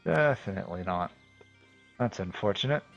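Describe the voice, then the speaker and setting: A low-voiced game streamer from New England thinks aloud as he plays, rambling through casual commentary full of fillers. His delivery is expressive and moderately paced with a creaky edge. The lo-fi recording carries soft background music.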